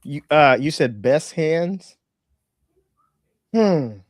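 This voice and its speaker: A man in his forties co-hosting a sports podcast, talking in a halting, emphatic way with lots of repeated words. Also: a little high, expressive, no room sound, studio quality. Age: 40s. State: out of breath. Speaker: podcast co-host and referee. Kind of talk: casual sports chat.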